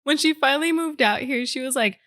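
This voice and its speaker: A woman's voice: high-pitched, brisk, fairly bright tone. A young woman co-hosting a podcast in casual chat, telling giggly stories and acting out what people said. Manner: giggly, storytelling with quoted voices. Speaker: podcast co-host.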